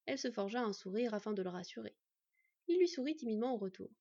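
A woman calmly narrating a storybook in a measured reading voice. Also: a little high, dry recording. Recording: dull lo-fi dry recording.

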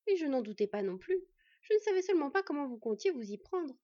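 A woman voicing a tired, gently teasing female wolf, speaking softly, in a slightly muffled recording. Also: high voice, sing-song, quick pace, voice pushed up. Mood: weary. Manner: soft and tired. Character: weary female wolf spirit, warm and teasing.

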